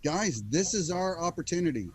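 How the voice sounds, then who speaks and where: A man's voice: sits high, expressive, moderate pace, husky, poor audio. A man co-hosting a podcast in casual chat over a video call. He jokes often and repeats words as he gets started. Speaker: podcast co-host.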